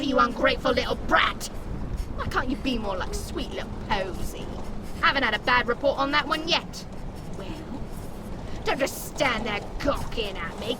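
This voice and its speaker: A woman's voice: high-pitched, poor audio. A woman playing a cruel, scolding overseer who berates like a wicked stepmother, in a dramatic performance. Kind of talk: dramatic character acting.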